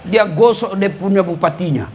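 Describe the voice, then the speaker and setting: Male preacher, very high pitch, teasing and funny, shouts for emphasis, keeps calling listeners sir. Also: moderate pace. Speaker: Islamic preacher. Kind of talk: lively public sermon to officials.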